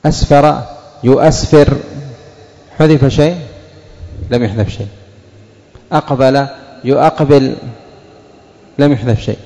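A man's voice: mid-range voice, warm tone. Man teaching grammar in an echoing classroom. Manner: questions the class and repeats examples slowly. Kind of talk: classroom lesson with questions to students.

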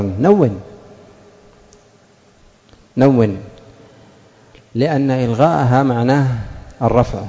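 A man teaching Arabic grammar to a class, quizzing students and repeating example sentences slowly. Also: medium pitch, warm tone, in a large hall, dull audio.

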